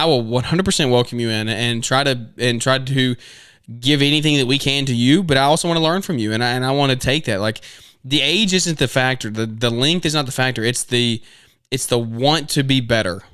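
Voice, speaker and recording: In clean studio sound with no echo, a man in his twenties hosts a podcast, his medium-pitched voice a little fast, a bit bright, and smooth. He gives casual advice earnestly but ramblingly, with many restarts and fillers.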